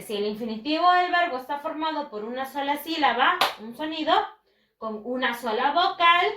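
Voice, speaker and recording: Woman, teacher for kids, bright and deliberate, roomy sound. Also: high voice, recorded from a distance. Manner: patient, repeats words slowly and switches between English and Spanish. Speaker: English teacher. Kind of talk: recorded online class for children.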